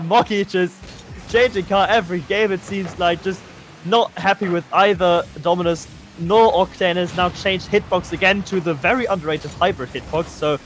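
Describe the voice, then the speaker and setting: A high-voiced man casting a live esports match, with quick and excitable play-calling. Faint background noise sits under his voice. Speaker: play-by-play caster.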